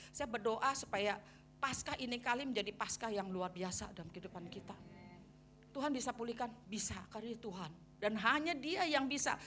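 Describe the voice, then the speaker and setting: A middle-aged woman pastor, preaching a testimony in an animated storytelling way and acting out her past conversations for the congregation. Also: on the high side, slight background noise. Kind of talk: sermon testimony.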